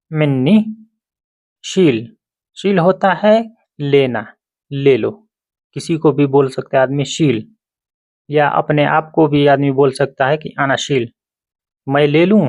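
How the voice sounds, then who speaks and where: Slow, patient male vocabulary teacher. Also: a little high, a little mellow, no room sound. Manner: slow, repeats each word several times. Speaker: language teacher. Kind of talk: word-by-word vocabulary lesson. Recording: dull lo-fi recording.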